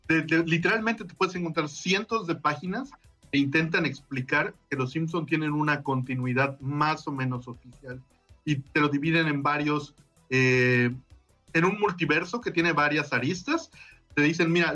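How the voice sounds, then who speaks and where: A man talking fast and laughing a lot as he chats casually with friends, his voice pitched a little high. He sits back from the mic, so he sounds somewhat distant, and faint music plays under the talk. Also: bright, forceful tone. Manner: quick, rambling, laughs often. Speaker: podcast co-host. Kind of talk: casual chat among friends.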